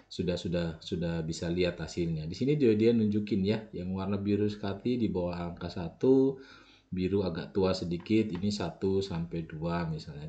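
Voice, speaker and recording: A man explains a software tool step by step in a screen-recorded walkthrough, with frequent filler tags and self-corrections. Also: deep voice. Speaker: software tutorial instructor.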